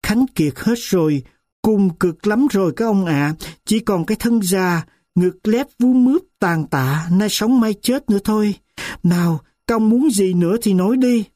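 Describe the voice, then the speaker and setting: A worn-down grandmother near seventy pours out her grievances to officials, slow and heavy, in a mellow voice, as a male storyteller puts her on. The sound is dry and close, with no room around it. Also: high-pitched, dry recording. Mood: weary. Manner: pleading then accusing, slow weighty delivery.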